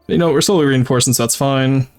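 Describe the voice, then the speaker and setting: A male game streamer gives casual live commentary in a medium-pitched voice. He thinks aloud as he plans and speaks to his chat. Music plays behind his voice. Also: fast, a little mellow. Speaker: streamer, VTuber.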